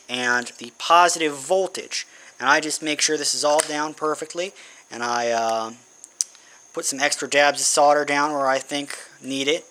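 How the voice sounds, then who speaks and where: A hobbyist presents an electronics build in a casual how-to demonstration, thinking aloud informally as he works. His voice is on the high side, pushed and bright, and the noisy amateur recording carries an insect hum.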